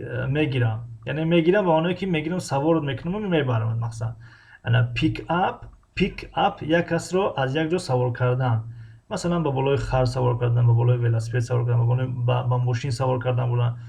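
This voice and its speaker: A man with a Tajik accent teaching an English lesson, reading English phrases slowly and carefully and explaining them with frequent hesitations. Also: medium pitch, vocal fry, darkish tone. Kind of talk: language lesson explaining a dialogue.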